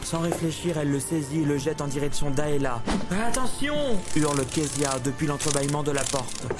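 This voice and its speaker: A man tells a dramatic fairy tale in careful, scripted narration. His voice sits in a middle register, unhurried and theatrical. A clear music bed runs under every line. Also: medium pitch. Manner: measured, dramatic storytelling.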